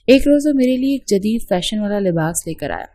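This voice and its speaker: A woman telling a scripted story in the first person, in a steady and even way. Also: medium pitch, slightly rough.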